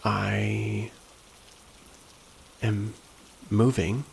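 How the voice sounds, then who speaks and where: A man speaking in a slow, soft, hushed and gentle ASMR pep talk style, at times whispery. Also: flat delivery, a little hiss or hum. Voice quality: low, very creaky. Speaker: ASMR host.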